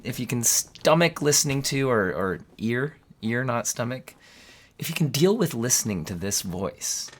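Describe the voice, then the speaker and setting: A man hoarse with a cold, talking casually through a spoken tech review, often stammering and restarting his sentences. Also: on the low side, a bit bright. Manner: rambling, self-correcting, stammering restarts. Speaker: tech channel host. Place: home studio with green screen.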